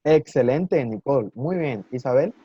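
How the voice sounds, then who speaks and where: A man teaching a live online Mandarin class, patient and encouraging, often checking in with his students and sounding out words slowly and clearly. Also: medium pitch, lively intonation, warm tone, no echo, highs cut off.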